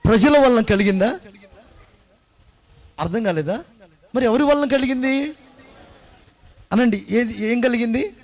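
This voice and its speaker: A male pastor preaching a fervent sermon, rising to loud exclamations, repeating phrases and calling for amens and applause. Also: very high voice, a little slow, pauses often.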